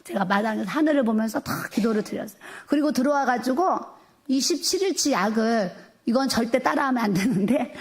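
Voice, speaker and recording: High-voiced woman preaching a testimony. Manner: emotional storytelling, animated retelling with acted quotes. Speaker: pastor's wife preaching. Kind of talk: testimony sermon.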